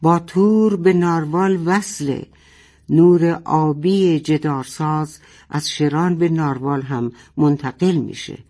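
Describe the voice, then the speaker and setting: A man's voice: on the high side, a little mellow. A man voicing a young girl who pleads and screams through tears. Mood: pleading screams.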